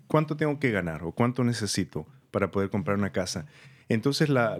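A man from El Salvador, a loan officer guest in an interview, explaining in a friendly way with simple step-by-step talk and easy laughs. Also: on the low side.

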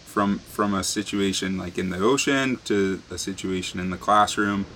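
A young man answering interview questions in a relaxed, casual way, full of "like". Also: sits low, slight background noise. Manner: relaxed, many fillers like "like". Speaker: guest.

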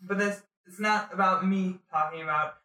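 A man's voice: high voice, steady tone, normal speed, bright, forceful tone, recorded from a distance. A young man hosting a casual chat, interviewing a guest in an informal way. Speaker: podcast host, interviewer. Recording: echoey room, away from mic.

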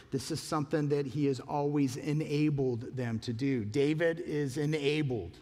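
A man's voice: medium pitch, darkish tone, in a large hall. A man, a pastor, preaching a sermon in an earnest, conversational way, asking his listeners questions.

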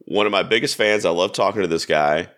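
A man hosts his own podcast, chatting about movies with a co-host in an easygoing, loose, chatty way. His voice is low and fast with a fairly bright tone, and the talk is casual conversation.

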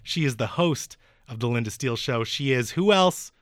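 A man's voice: medium pitch, animated, moderate pace, a bit bright, dry recording, studio quality. Deferential man hosting a podcast. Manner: deferential, playfully earnest. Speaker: podcast host interviewer. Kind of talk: conversational interviewing.

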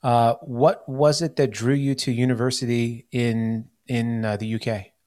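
A man's voice: medium pitch, steady tone, measured pace, darkish tone. Rambling American man hosting a podcast. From United States. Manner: rambling, many "like" fillers and restarts. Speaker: podcast host. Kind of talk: casual chat.

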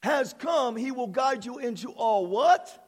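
A man preaching a sermon as pastor, exclaiming hallelujahs, calling on the congregation to answer and swelling into shouts. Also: very high voice, expressive, a little slow, big-room sound. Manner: asks the congregation to respond.

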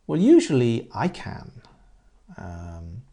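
A middle-aged Englishman from Great Britain, an English teacher asking and answering conversation questions and repeating phrases slowly for learners. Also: mid-range voice, huge pitch swings, mellow.

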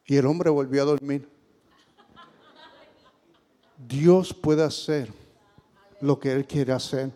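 A male pastor preaching emphatically, dropping to quiet asides and rising to loud calls for praise. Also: fairly even intonation, measured pace. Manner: emphatic, swings from low asides to loud exclamations. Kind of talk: sermon. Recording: long hall reverb.

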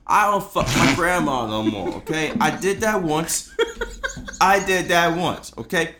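Drunk man doing a brash, shouty Italian shopkeeper, swooping pitch, goofy. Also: huge pitch swings, normal speed, noisy background. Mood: boisterous.

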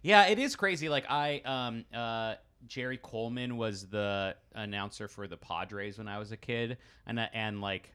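Easygoing podcast host, bright voice. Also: male voice, on the low side, moderate pace, few pauses, clean tone. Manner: easygoing, lots of likes and ums. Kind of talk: casual chat.

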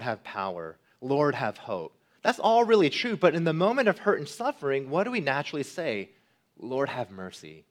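Earnest male preacher, rising and falling. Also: a little high. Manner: earnest, swelling to emphatic peaks then dropping soft. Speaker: pastor. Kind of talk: sermon.

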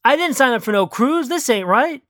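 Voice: sits high, expressive, moderate pace, fairly bright tone, dry recording, voice pushed up. A reader voicing a crude, laid-back young man who talks in slang, calling everyone man and girl, in a dry close recording. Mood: alarmed. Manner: drawling street slang, calls people man and girl. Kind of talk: storybook reading.

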